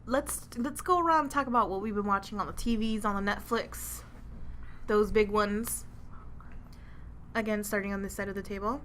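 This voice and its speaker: A woman's voice: medium pitch, normal speed, pauses often, fairly bright tone, a little hiss or hum. A young woman hosting a casual podcast among friends, laughing a lot as she steers the chat. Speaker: podcast host.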